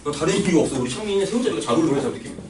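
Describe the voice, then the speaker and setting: A man's voice: a little high, animated, very fast. A man teaching a math class in a loose, joking way, using coarse slang and constantly asking whether students agree. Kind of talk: casual classroom lecture with teasing. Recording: echoey classroom recorded from far off with noise.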